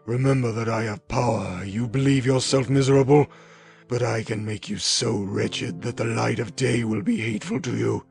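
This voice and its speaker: A man voicing a lonely, vengeful male creature in a dramatic audiobook reading, with a slow, heavy, threatening delivery. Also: medium pitch, steady tone, vocal fry, darkish tone, close to an everyday voice. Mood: menacing. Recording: music bed underneath.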